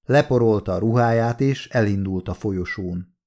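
Brief: male audiobook narrator, low-pitched, steady and measured. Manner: calm, measured reading with slow pauses at key moments.

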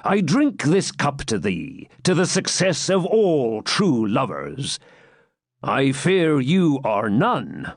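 A man's voice: mid-range voice, very animated, slow pace, no echo, studio quality. A man reading as a jovial old hermit friar. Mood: wry.

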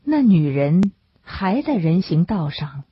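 A woman narrating a story in a measured, storytelling manner with a husky voice. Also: dry recording. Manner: measured storytelling, lively pitch. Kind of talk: audiobook narration. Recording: dull lo-fi dry recording.

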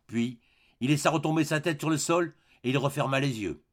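A man narrating an audiobook of a classic novel in an expressive, dramatic reading. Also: on the high side, fairly quick.

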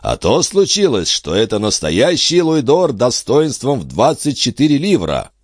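A man's voice: mid-range voice, huge pitch swings, moderate pace, no echo, studio quality, pitched above the performer's own voice. Man doing a smug pompous schemer. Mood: eager. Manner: pompous, sanctimonious. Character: smug pompous scheming husband, self-important.

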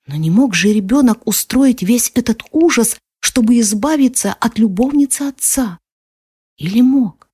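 A woman giving a measured, emotional first-person audiobook narration on a close microphone. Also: on the high side, darkish tone, no room sound.

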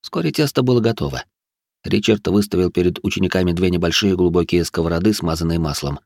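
A man narrating an audiobook in an even storytelling manner. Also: sits low, fast talker, gravelly, no echo, clean studio sound. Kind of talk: scripted narration.

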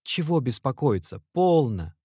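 A man's voice: medium pitch, big pitch swings, measured pace, darkish tone, slightly rough, dry recording, studio quality, voice pushed up. A man voicing a worn-out, broken young male clerk who speaks in a weak, faltering voice. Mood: weary.

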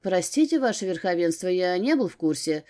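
A woman doing a tense, loud demon father. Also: on the low side, big pitch swings, fairly quick. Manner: tense, sharp. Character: tense blond horned demon, an anxious father. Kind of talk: audiobook character voice.

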